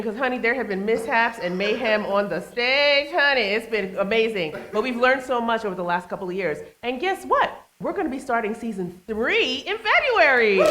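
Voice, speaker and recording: Woman host, live stage monologue, playful and chatty with the crowd, medium pitch. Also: a bit bright, slight background noise. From United States, family from Trinidad and Tobago. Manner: chatty, playful, teasing the audience. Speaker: talk show host. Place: small stage venue with live audience.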